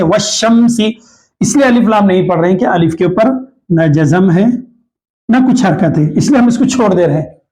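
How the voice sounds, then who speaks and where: A man with a Hyderabadi Urdu accent teaching a tajweed lesson, repeating each rule and slowly drawing out the Arabic example words. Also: high-pitched, mellow. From Hyderabad, India. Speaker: Quran recitation teacher. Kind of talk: tajweed lesson, explaining rules.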